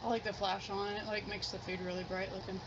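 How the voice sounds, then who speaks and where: A woman's voice: mid-range voice, flat delivery, fast. A middle-aged woman chatting casually and ramblingly in an eating vlog, sounding unsure of herself. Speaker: mukbang vlogger. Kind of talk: casual chat while eating. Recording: muffled sound with clear background noise.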